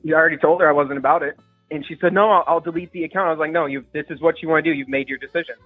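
A man's voice: on the high side, fairly even intonation, racing, slightly rough, no room sound, soft background music. Hesitant young man on a tinny phone line. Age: young adult. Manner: hesitant, stammering. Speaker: caller. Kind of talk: phone-in confession.

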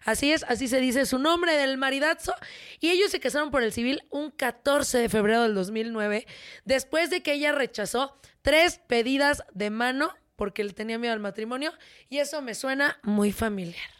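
A young woman with a Mexican Spanish accent hosting an entertainment segment, teasing and animated, tossing English words into her chat. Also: sits high, moderate pace. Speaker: entertainment show host. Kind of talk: playful showbiz chat.

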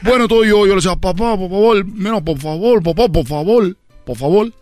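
A man's voice: high voice, brisk, no room sound, faint music behind, lightly acted. A man voicing a boastful baseball player, spinning a comic tall tale on a radio sketch. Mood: storytelling. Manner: animated, slips in "chico", laughs at own stories. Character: boastful chatty male baseball player telling tall tales. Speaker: comedy character on radio show.

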